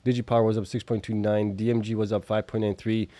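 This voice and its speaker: A man's voice: fairly low pitch, little pitch movement, quick pace, dark tone, dry recording. A man hosting a casual stock market recap, reading out figures informally with offhand asides, slightly affected by allergies. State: allergies, with coughing and sniffles. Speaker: host of a stock market video show.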